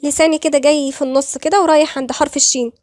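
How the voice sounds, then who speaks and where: A woman with an Egyptian accent teaching Quran recitation rules, patiently repeating words slowly syllable by syllable. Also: high voice, steady tone, a little mellow. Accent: Egyptian Arabic. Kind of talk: tajweed lesson, slow recitation.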